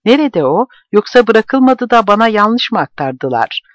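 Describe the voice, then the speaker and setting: A man's voice: high-pitched, sing-song, moderate pace, a bit bright, dry recording, pitched above the performer's own voice. A man voicing a distraught middle-aged woman who sobs as she explains. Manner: sobbing, pleading. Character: tearful middle-aged woman, anxious wife.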